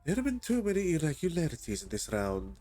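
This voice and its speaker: A man's voice: fairly high pitch, wildly swooping pitch, fast, warm tone, faint music behind, voice pushed up. A man voicing a grave old wolf lord. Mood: solemn. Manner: grave, formal pronouncements. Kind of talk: dramatic reading of game dialogue.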